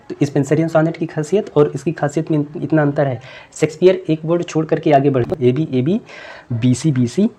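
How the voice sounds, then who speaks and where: A man teaching English literature terms for an exam, asking questions and repeating each answer back, reading English question lines out slowly. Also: fairly high pitch, mellow. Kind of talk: exam-prep lecture.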